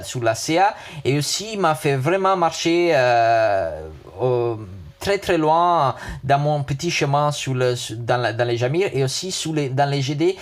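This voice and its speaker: A man with a foreign accent in French who is not a native speaker, giving a casual unscripted game review and often repeating words and restarting. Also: a little high. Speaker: gaming video host.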